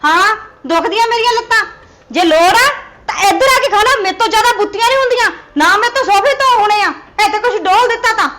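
A sharp-tongued Punjabi daughter-in-law, played by a woman, with a very high voice and a bright, cutting edge. She scolds and dismisses the old mother in this family drama. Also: quick pace.

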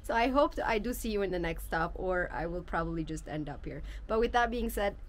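Filming her travel vlog outside, this young adult woman speaks in a lowish, expressive voice at a brisk clip, chatty and playful over background noise. She moves between porch, garden, and street, talking casually into a camera at arm's length or occasionally a small handheld mic.

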